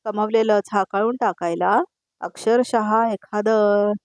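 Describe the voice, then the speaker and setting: A woman voicing an anxious middle-aged mother in a serial recap, in an earnest, measured way. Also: medium pitch, steady tone, darkish tone, no room sound, close to an everyday voice. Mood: worried.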